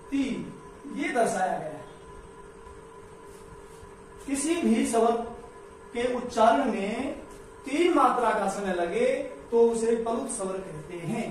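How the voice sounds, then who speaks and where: A man teaching grammar in a slow lesson, repeating each definition step by step. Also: extremely high pitch, animated. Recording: echoey room, mic far off, faint noise.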